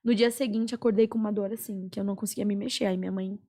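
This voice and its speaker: A young woman with a Brazilian Portuguese accent, a podcast guest earnestly telling a personal story with many pauses and fillers. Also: medium pitch, steady tone, dark tone. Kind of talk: personal testimony in a podcast chat.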